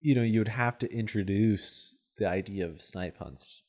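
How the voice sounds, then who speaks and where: A man's voice: lowish voice, normal speed, darkish tone. A young man in casual podcast chat, reacting and joking in a laid-back way.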